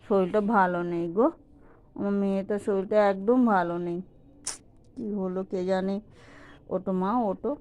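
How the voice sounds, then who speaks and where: Pet-owner vlog: woman, soft repetitive coaxing, mid pitch. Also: fairly even intonation, moderate pace, pauses often. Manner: pleading, repetitive baby-talk coaxing. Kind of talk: coaxing talk to a sleeping pet.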